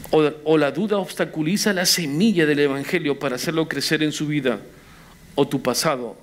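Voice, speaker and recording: A man's voice: a little high, fairly quick. A man preaching a sermon, questioning the congregation directly and pressing his points with earnest emphasis. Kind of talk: Spanish-language sermon. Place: church.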